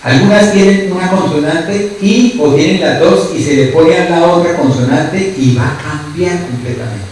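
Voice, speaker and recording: A man's voice: fairly high pitch, moderate pace, few pauses, darkish tone. Male pastor, sermon delivery, peppers his preaching with questions to the congregation; distant mic in a very echoey hall, faint noise behind. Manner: asks the congregation constant questions.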